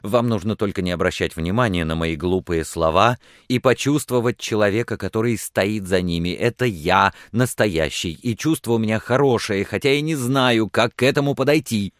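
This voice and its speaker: Rough, plain-spoken grown man, deep and clear, earnest and halting, as read by a male narrator. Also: lively intonation, fairly bright tone, no echo, clean studio sound. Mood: pleading.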